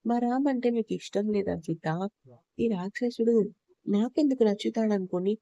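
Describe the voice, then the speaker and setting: A woman's voice: a little high, normal speed, dark tone, no room sound, dull audio. A woman voicing a scheming young woman who teases and schemes slyly. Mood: teasing. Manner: teasing, sly.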